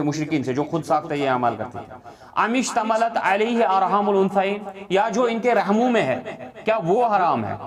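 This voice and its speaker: A male teacher giving a Quran lesson, reciting Arabic verses and explaining each one in plain terms, often checking that listeners follow. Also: high voice. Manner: recites Arabic verses, then explains them in Urdu with frequent checks like "theek hai".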